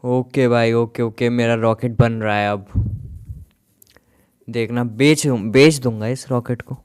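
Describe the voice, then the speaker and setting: A man's voice: medium pitch, steady tone, slow, darkish tone, smooth, dry recording. A man giving casual gameplay commentary in a playful, grumbling, joking way, slipping English words into his talk. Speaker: gaming YouTuber.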